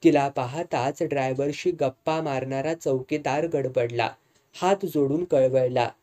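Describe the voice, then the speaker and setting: A storyteller reading a dramatic tale in steady audiobook narration. The voice is dark and mellow, at a middle pitch. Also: a little slow.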